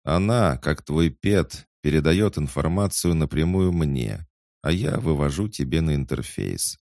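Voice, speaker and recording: A disembodied tsar speaks plainly inside a listener's head, as a male narrator puts him on. The voice is lifted a little but stays deep and grainy. The sound is dry and close. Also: lively intonation, unhurried, gravelly, darkish tone, dry recording, exaggerated voice. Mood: explaining.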